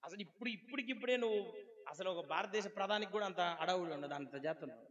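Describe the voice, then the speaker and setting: A male pastor delivering a sermon, asking the congregation rhetorical questions and moving between quiet pleading and loud exclaiming. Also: high voice, lively intonation, rapid-fire, highs cut off. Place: church hall. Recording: long hall reverb.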